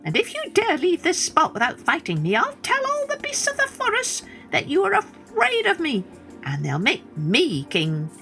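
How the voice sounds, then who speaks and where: A tiny boastful gnat darts through his lines in a high, quick, mocking voice, as a woman reading a storybook puts him on. His pitch leaps up and down with lively bounce. Soft music plays faintly behind. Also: full character voice. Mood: taunting. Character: tiny boastful male gnat, cheeky and proud.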